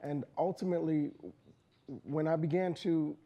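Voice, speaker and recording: A man's voice: on the high side, steady tone, moderate pace, dark tone, dull audio. A man from the United States, a rapper guest, speaking in an earnest, passionate way about his music with frequent restarts. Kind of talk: casual interview talk. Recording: community radio studio.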